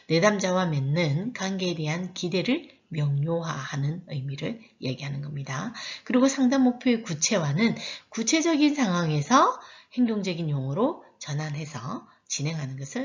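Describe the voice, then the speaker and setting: A woman lecturing on course material, her pitch sitting a little low but moving a lot as she explains. She talks in an explanatory way, with fillers and restarts along the way. The recording sounds dull and lo-fi. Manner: explanatory, with fillers and self-corrections.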